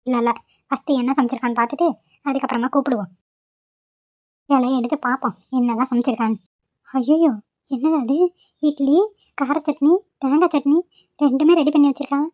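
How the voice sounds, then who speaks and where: A woman voicing a bossy middle-aged aunt in a cartoon who talks loudly to herself and scolds. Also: high-pitched, no echo, clean studio sound, natural voice.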